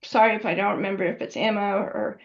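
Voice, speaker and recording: This instructor talks fast with vocal fry, her mid-range voice holding a fairly even intonation. She leads a conversational classroom lecture, regularly checking in with students, on a dull lo-fi recording.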